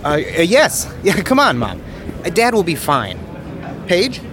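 An actor playing an eager, affectionate grown son, a little flustered. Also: male voice, sits high, huge pitch swings, measured pace, crowd noise, heavily acted. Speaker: son and husband.

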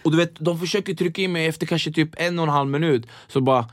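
A young man telling lively stories in casual chat, acting out the people in them. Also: on the high side, no room sound. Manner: animated, acts out voices in his anecdotes. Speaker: guest.

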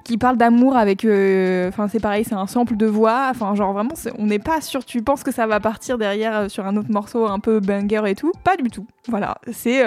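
A woman's voice: a little high, darkish tone. A woman co-hosting a music show, chatting casually with lots of fillers and slang.

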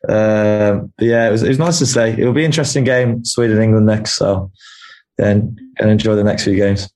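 A man's voice: on the low side, steady tone, moderate pace, darkish tone. A man, a football analyst, chatting easily on a podcast with a few fillers. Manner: easygoing with fillers. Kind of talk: casual podcast chat.

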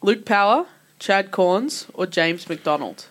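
A woman trading footy trivia on a casual podcast, her voice sitting at an ordinary middle pitch. She talks in a blunt, playful, upbeat way. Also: lively intonation, slow pace. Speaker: podcast co-host. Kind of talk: casual quiz chat.

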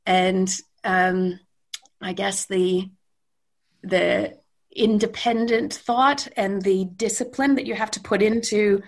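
Taking her time, a middle-aged Western Canadian woman answers interview questions without a script. Her pitch is medium and her intonation fairly even. She's a reflective guest who drifts around and corrects herself often.

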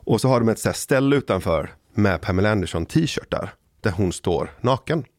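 A man from Gothenburg co-hosting a podcast, telling animated childhood anecdotes. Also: fairly low pitch, dry recording, clean studio sound. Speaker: podcast co-host. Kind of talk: casual chat.

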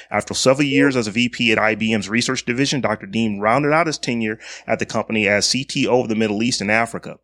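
A man's voice: on the low side, a bit bright, no echo, clean studio sound. A middle-aged man hosting a casual podcast. He reads a spotlight segment from his notes and breaks off into slangy, joking asides. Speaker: podcast host.

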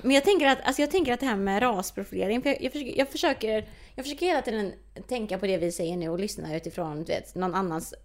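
A woman's voice: mid-range voice, expressive, few pauses. Woman, conversational co-host, responsive listener, short affirmations. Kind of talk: casual chat.

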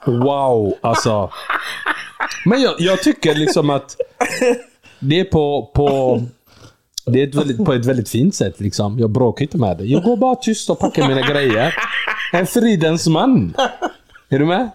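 A man's voice: mid-range voice, big pitch swings, background noise. A man co-hosting a casual podcast chat, acting out a scene he imagines and laughing as he goes. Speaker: podcast co-host.

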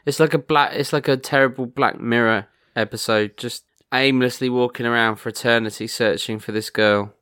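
A man co-hosting a podcast in casual chat, wry and quick to exclaim, often stammering as he restarts. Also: medium pitch, fairly even intonation, fairly bright tone, smooth, no room sound, studio quality. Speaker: podcast co-host.

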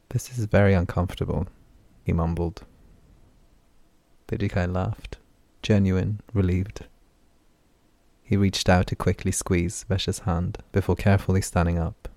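Deep, flat-voiced male audiobook narrator. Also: creaky, no room sound. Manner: even, measured reading. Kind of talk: scripted fantasy novel narration.

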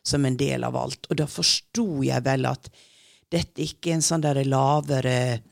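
A middle-aged woman telling her own experiences as a guest in an interview, calm and unhurried, a little halting. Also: rumbling low, gravelly, no echo, clean studio sound. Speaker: guest channeler. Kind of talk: reflective personal storytelling in interview.

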